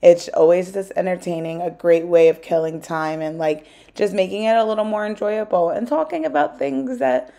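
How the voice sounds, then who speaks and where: Speaking at a normal speed, this American woman in her thirties has a fairly low, mellow voice. She's a stay-at-home mom from South Jersey hosting a home cleaning vlog, chatty and encouraging toward her viewers and full of "like" fillers, recording first in a parked car and later at home.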